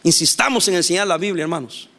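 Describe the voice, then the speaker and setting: A male pastor preaching a sermon in a lively, animated way, laughing and acting out quotes. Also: sits high, fast.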